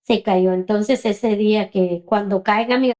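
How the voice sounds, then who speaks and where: A woman, telling her own story in an interview with hesitant pauses and many fillers. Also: medium pitch, fairly even intonation, dark tone. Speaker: interview guest.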